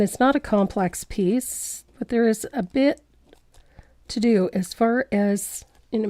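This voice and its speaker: Her stuffed-up voice betraying a cold, a painting instructor from Canada chats her way through a tutorial, rambling and frequently laughing at her own expense. The recording is dry, her voice mid-range and warm.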